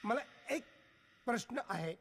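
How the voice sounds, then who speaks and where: An actor playing a flustered, insistent middle-aged uncle in a film comedy. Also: male voice, very high voice, animated, a little slow, vocal fry, background noise, exaggerated voice. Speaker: uncle of the household. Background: film score music.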